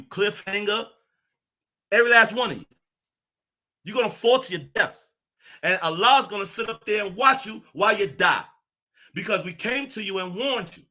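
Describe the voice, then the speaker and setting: A man with a high, forceful voice rants angrily straight at his listeners, swearing freely and hammering the same phrases over and over. His tone stays confrontational and tense. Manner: ranting, profane, confrontational, repeats phrases. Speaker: channel host. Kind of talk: angry monologue to camera.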